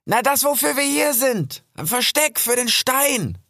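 A man voicing a young male fox in a storybook, with short, gruff replies. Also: very high-pitched, sing-song, a little slow, sharp tone, dry recording, clean studio sound, voice pushed up, full character voice. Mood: impatient. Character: young male fox, grumbling, wary and dry-humoured.

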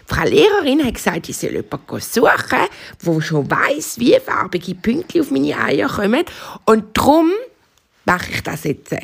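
A woman's voice: a little high, huge pitch swings, measured pace, vocal fry, slightly rough, voice pushed up, heavily acted. A woman voicing a small, nervous young rabbit with a St. Gallen Swiss German accent. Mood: pleading. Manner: nervous, pleading.

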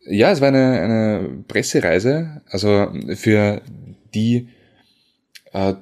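A man, a car journalist chatting as co-host, relaxed and a bit hesitant. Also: on the low side, takes it slowly. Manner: relaxed, tired, hesitant with fillers. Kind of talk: casual chat.

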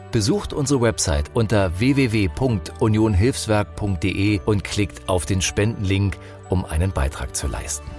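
Deep-voiced man reading a podcast outro. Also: a little mellow. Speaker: podcast host. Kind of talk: scripted outro.

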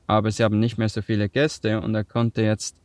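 A man with a Swiss German accent, co-hosting a casual chat over a remote call, relaxed and laughing easily. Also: fairly low pitch, a little fast, no room sound. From Switzerland. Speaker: podcast co-host. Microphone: remote call with weak connection.

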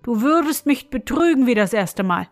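A woman voicing a fearless young male student who talks calmly and quickly. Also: fairly high pitch, faint music behind, lightly acted. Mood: cool. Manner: calm, quick and cheeky.

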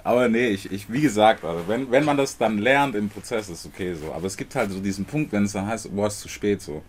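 A man's voice: on the low side, fast, a little hiss or hum. A young man in casual chat as the interviewer, slangy and full of street talk. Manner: slangy, says "Alter" and "Digga", acts out quotes.

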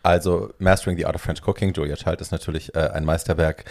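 A man co-hosting a podcast who talks eagerly and at length about food, often adding quick tag questions. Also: sits low, steady tone, creaky, darkish tone, slight background noise. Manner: enthusiastic, digressive, tag questions. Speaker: podcast co-host, food expert. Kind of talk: casual chat.

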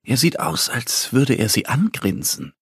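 A man narrating a children's story in a gentle, lively storytelling voice. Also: mid-range voice, unhurried, gravelly, breathy edge, dry recording, studio quality.

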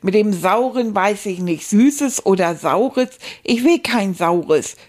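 A woman's voice: mid-range voice, animated, slow pace, a little mellow. A woman voicing a cheerful, boastful male stuffed rat puppet who chats playfully to children as a storyteller. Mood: eager storytelling. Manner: playful, exclamatory, boastful, chatty.

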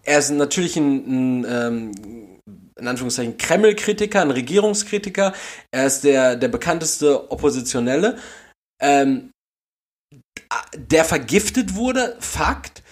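A man's voice: a little high, animated, measured pace. A German man co-hosting a podcast, rambling through casual chat with many fillers and restarts. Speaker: podcast co-host.

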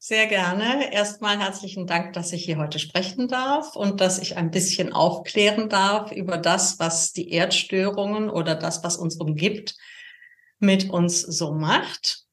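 A woman's voice: mid-range voice, unhurried, a bit bright. A woman from Cologne with a Cologne accent, a cheerful guest explaining things in a podcast interview with many fillers. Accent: Cologne German. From Cologne, Germany. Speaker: geomancy guest. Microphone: camera set-up.

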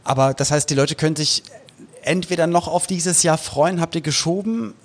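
A male podcast host talks in a relaxed conversational way, his voice sitting a little above the usual male range. He agrees readily and steers the chat with follow-up questions. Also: a little high, normal speed.

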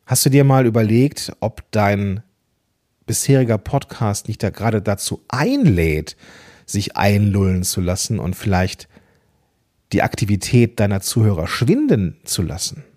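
A man hosting a solo podcast episode, giving tips in a casual, lively way, playing with emphasis and pauses. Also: lowish voice. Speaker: podcast host.

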